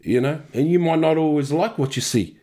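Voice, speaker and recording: A man's voice: on the high side, brisk, dark tone. A middle-aged man with a New Zealand accent, talking candidly and bluntly as an interview guest, swearing freely. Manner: blunt, sweary, punctuated with "you know" and "man". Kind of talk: casual, candid conversation.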